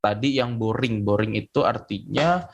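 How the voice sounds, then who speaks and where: A man's voice: on the low side, normal speed, creaky. A young man teaching an online English lesson, switching between Indonesian and English and patiently repeating words and syllables as he explains pronunciation. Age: young adult.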